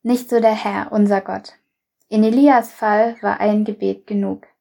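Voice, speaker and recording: A woman reading a Bible passage aloud and then commenting on it in a measured, scripted devotional. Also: mid-range voice, fairly even intonation, gravelly, mellow. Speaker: Bible reader and devotional speaker.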